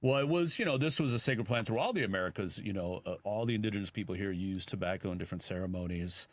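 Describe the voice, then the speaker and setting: A man's voice: fairly low pitch, fast, no echo. A man with a Chicago accent, co-hosting a radio talk show and chatting casually in a rambling way, full of fillers. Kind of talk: casual chat.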